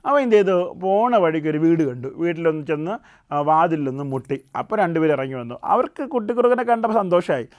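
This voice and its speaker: A man hosting a children's puppet show, telling a folk tale gently and often asking the young listeners questions. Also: on the high side, animated, fast talker. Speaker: puppet show host and storyteller. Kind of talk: storytelling to children.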